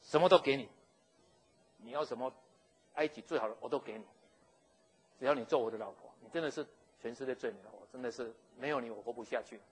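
A man's voice: mid-range voice, quick pace, long pauses, breathy edge, faint music behind, pitched below the performer's own voice, lightly acted. A man voicing a boastful, lecherous ancient Egyptian king, stammering and wheedling. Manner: wheedling, stammering, with little chuckles.

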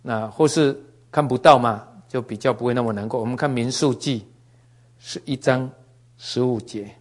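A man's voice: mid-range voice, moderate pace. Folksy man preaching. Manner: folksy and joking, with asides and fillers. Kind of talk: conversational Bible teaching.

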